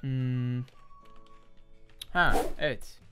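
A man's voice: mid-range voice, steady tone, very slow, over music. A young man giving casual, chatty commentary while he plays, muttering to himself as he tries things and talking straight to his viewers. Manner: chatty, mutters while trying, calls viewers "abi" and "gençler". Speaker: gaming YouTuber.

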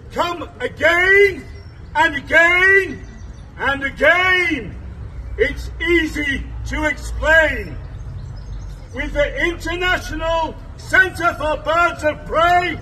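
Town crier guy outside doing a herald proclamation, bellowing super slow and drawn out, bit of background noise. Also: very high voice, pushed and bright. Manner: bellowing, declamatory, drawn-out ceremonial delivery. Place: open-air bandstand in a town square. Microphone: camera phone several metres away. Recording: outdoor phone recording from a distance, background noise.

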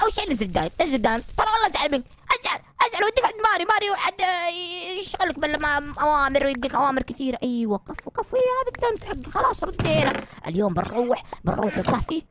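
A woman giving excitable, shouty, playful commentary while role-playing a game. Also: high-pitched, a little hiss or hum. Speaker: gaming YouTuber.

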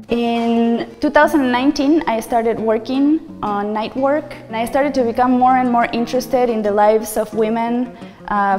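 A woman's voice: mid-range voice, a little mellow, long reverb tail. A woman in her forties from Argentina, Spanish her first language, an artist speaking earnestly and reflectively about her work in a gallery. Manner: earnest, reflective, gestures as she talks. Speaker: visual artist. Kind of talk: gallery talk to camera. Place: large bright art gallery indoors.

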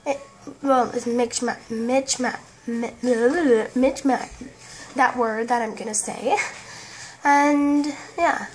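Woman, high-pitched, unhurried, rambling, stumbling over words, casual game commentary. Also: steady tone, slight background noise. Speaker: game video creator.

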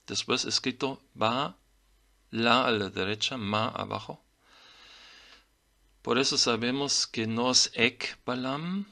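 A man whose first language is German, slowly explaining Maya glyphs in a lesson, pausing to read out each sign. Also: medium pitch, vocal fry, pushed and bright. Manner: slow, deliberate reading of glyph names. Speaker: teacher of Maya writing.

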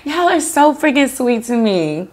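A woman's voice: sits high, sing-song, unhurried. A young woman hosting a mukbang, chatting casually while she eats and giggling as she reads out viewer comments. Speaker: mukbang host. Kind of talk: casual chat while eating on camera.

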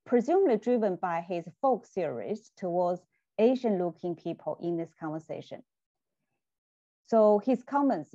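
A woman gives an academic talk over a video call. She explains points in a measured, deliberate way. Her voice is warm and mellow, and the audio sounds dull and dry. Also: medium pitch, dry recording. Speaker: guest lecturer.

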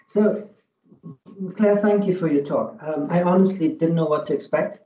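A man's voice: fairly high pitch, moderate pace, mellow, a little hiss or hum. Man on a dull, roomy video call. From Afghanistan. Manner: reflective, thinking aloud. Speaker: audience member asking a question. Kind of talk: casual academic discussion. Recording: dull, roomy, distant laptop sound.

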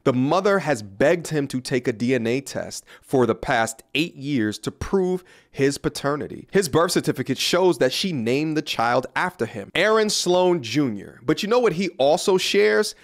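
A man in his thirties speaks straight into a close studio mic, his voice sitting a touch higher than most men's. He lays out his case in a scripted, earnest commentary, pointed and now and then openly incredulous. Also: animated, moderate pace, hardly any pauses. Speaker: commentary YouTuber. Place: small room indoors. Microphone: studio mic on a boom in front of him.

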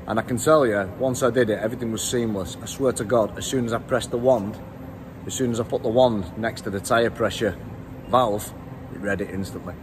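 A blunt, rambling car mechanic vlogger from the United Kingdom, in his forties, records himself on a phone held at arm's length. His male voice is on the low side with a British English accent. Noise from the indoor car workshop carries behind his chatty, filler-heavy casual vlog talk.

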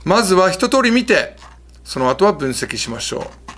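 A man casually explaining English color idioms, chatty and lively, pausing to fix his gear. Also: high-pitched, a little hiss or hum. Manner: lively, chatty, fixing his setup mid-lesson. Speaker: English teacher.

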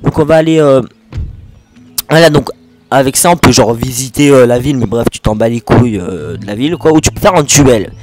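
A man with a French accent giving a casual, rambling gameplay tutorial, talking fast and swearing constantly. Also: medium pitch, over music. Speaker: gaming video host.

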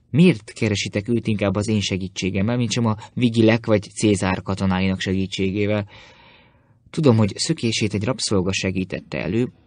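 Man reading as a slippery, bowing Greek informer for an audiobook, lowish voice, dry close sound; humble words, boastful tone. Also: a little mellow, no room sound, lightly acted. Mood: fawning. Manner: obsequious and boastful. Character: sly, fawning male Greek philosopher-informer.

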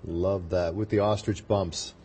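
A man presenting as a live home shopping host, listing product features and prices in a steady sales patter. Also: low voice, a little slow, slightly rough. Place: TV shopping studio.

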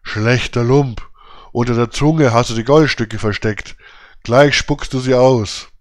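A man's voice: fairly low pitch, no room sound, studio quality. A man growling as hollow-voiced robbers. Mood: menacing. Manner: slow, threatening. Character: two menacing hooded male robbers, hollow-voiced.

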